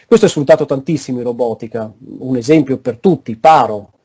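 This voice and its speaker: A man giving an online academic lecture over a video call, pausing often to search for words. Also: mid-range voice, mellow, husky. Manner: halting, frequent searching for words.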